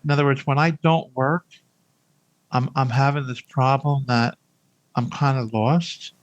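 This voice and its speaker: A man's voice: mid-range voice, fairly even intonation, measured pace, no room sound, dull audio. An older man speaking conversationally as an interview guest, often repeating words as he works through his thoughts. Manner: hesitant, repeating words and phrases as he thinks aloud. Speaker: podcast guest, hospice nurse.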